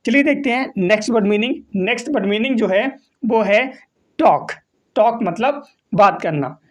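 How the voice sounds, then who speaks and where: A man teaching English vocabulary, explaining slowly and patiently, repeating and spelling out each word. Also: high voice, expressive. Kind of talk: vocabulary lesson.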